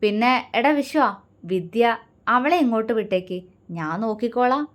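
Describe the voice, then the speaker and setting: A woman's voice: a little high, animated, moderate pace, close to an everyday voice. A woman voicing a scheming young man who taunts and threatens the others. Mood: sneering. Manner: sneering and taunting.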